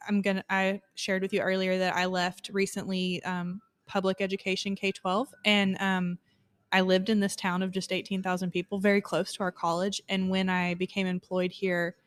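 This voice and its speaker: A woman's voice: medium pitch, level tone, moderate pace, smooth. A woman from Arkansas, chatting as a podcast guest in a friendly way. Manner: friendly, chatty, laughs easily. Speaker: guest, instructional design coordinator. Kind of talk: conversational interview answers. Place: conference hotel.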